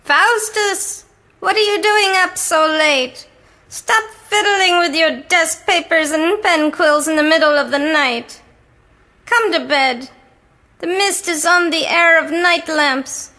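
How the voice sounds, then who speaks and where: A woman's voice: very high-pitched, slow, bright, forceful tone, exaggerated voice. An actress playing an elderly, weary wife who coaxes and scolds her husband in an audio drama. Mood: coaxing, scolding. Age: older. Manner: pleading, then scolding.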